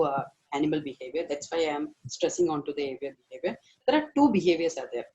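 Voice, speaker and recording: A man's voice: fairly high pitch, darkish tone, muffled recording. Hesitant male vet lecturer. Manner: hesitant, many fillers, stresses key words. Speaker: veterinary lecturer. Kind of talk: online lecture.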